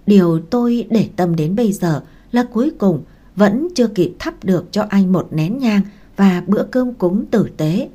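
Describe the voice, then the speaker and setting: A woman's voice: mid-range voice, lively intonation, normal speed, mellow. A woman narrating a first-person audiobook story in a tearful, emotional manner.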